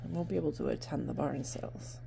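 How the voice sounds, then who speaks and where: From a table in her New Hampshire home, a middle-aged vlogger and barn sale seller chats to camera on a handheld phone, rambling with many fillers about her barn sales. She speaks fast in a low, dark voice with vocal fry, and a little hiss or hum can be heard.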